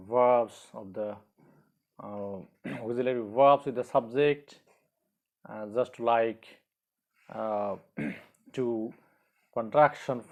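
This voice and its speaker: A male teacher talks at an unhurried, deliberate pace, pausing often with fillers between phrases. His voice sits at a middle pitch. He repeats each example sentence carefully for learners. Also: a little mellow. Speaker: English teacher. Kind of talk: slow spoken grammar lesson.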